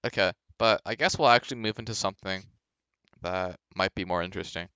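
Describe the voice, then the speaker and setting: A man's voice: sits low, brisk, bright, forceful tone, clean tone, dry recording, highs cut off. A young man co-hosting a casual podcast, rambling through jokey conspiracy theories and stories. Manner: rambling, joking conspiracy storyteller. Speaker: podcast co-host. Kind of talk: casual chat.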